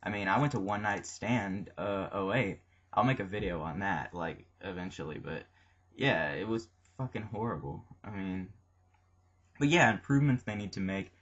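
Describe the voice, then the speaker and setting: A man's voice: sits low, moderate pace, highs cut off. A man ranting casually about pro wrestling, profane and full of fillers. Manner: profane, filler-heavy, excitable. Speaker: wrestling fan vlogger. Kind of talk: casual rambling rant.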